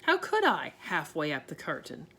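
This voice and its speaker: A woman reading aloud and voicing a tiny, plain-spoken borrower father who talks in homely, ungrammatical phrases with calm reassurance. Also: low-pitched, normal speed, breathy edge, full character voice. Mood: steady.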